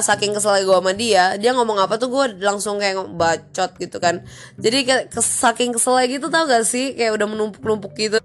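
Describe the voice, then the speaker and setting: A woman's voice: mid-range voice, a bit bright. A young woman, telling a story in a chatty, slangy vlog with exasperated venting. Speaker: vlogger.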